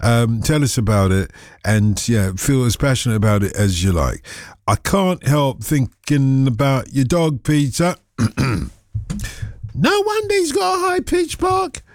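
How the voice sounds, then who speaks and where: A man's voice: mid-range voice, very animated, measured pace, no echo, studio quality. An older man hosting a radio phone-in show, joking and chatting playfully with callers. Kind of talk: late-night radio phone-in chat. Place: radio studio.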